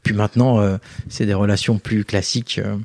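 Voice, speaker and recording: A man's voice: on the low side, a little fast, no echo, clean studio sound. A man, a guest and father, telling family stories in a casual interview, acting out the voices of the people he quotes. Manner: animated anecdotes, acts out quoted voices.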